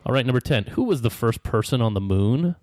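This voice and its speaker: A man's voice: mid-range voice, lively intonation, a little fast, a little mellow, no echo. A man hosting a casual podcast pub quiz, reading out questions and answers with playful, dry jokes. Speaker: quiz host.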